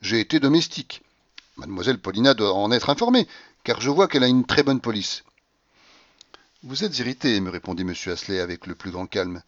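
A man narrating a classic novel as an audiobook, measured in pace, with a brooding first-person voice. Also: on the low side, expressive, no echo, lo-fi sound. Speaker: audiobook reader.

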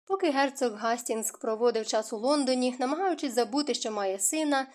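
Lady reading a novel out loud, kinda high voice, calm steady narration. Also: a little fast. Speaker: audiobook narrator.

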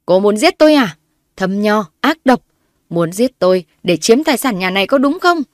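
A woman's voice: mid-range voice, quick pace, dry recording, natural voice. A woman voicing a spiteful older mother-in-law who scolds and shrieks accusations, read in a dry recording. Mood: shrieking.

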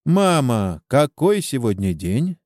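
A man voicing a small sick boy who pleads in a high, childlike way. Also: big pitch swings, slow, a little mellow, no echo, clean studio sound. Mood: excited. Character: small sick boy longing for his father.

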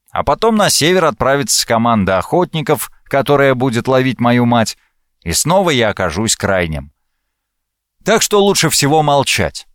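Man narrating an audiobook, lively intonation. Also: medium pitch, no room sound, clean studio sound. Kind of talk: first-person audiobook narration.

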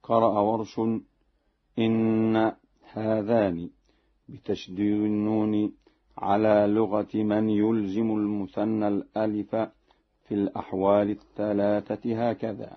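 A man teaching Quran recitation variants in a measured, formal way, breaking into melodic chanting for each example, on a dull lo-fi radio broadcast. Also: on the low side, completely flat delivery.

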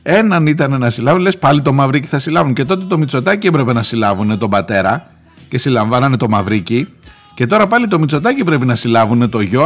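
A man hosting a radio show, telling a news story in a chatty, joking way. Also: mid-range voice. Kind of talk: casual current-affairs commentary.

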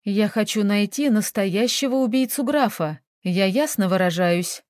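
Casting: a woman playing a calm, firm, ironic woman detective from an audiobook, dry close sound. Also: medium pitch, unhurried, no echo, lightly acted. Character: cool, composed female private detective.

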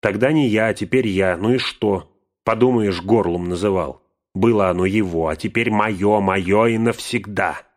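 A man voicing a fussy old male hobbit who turns shrill and possessive, his voice cracking in outbursts, in a storybook reading. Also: moderate pace, natural voice. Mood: angry, possessive. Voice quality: shrill, cracking voice when angry. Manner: outbursts turning possessive and obsessive.

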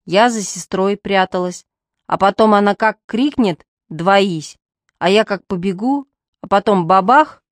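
A woman voicing excitable twin girls who chatter breathlessly over each other. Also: mid-range voice, measured pace, no echo, clean studio sound, lightly acted. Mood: excited.

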